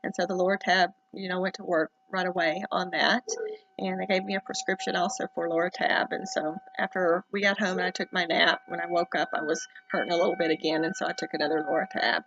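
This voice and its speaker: A woman giving a casual first-person update to camera in a hesitant, halting way with many pauses. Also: fairly low pitch, flat delivery, lo-fi sound. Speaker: vlogger documenting recovery from eyelid surgery.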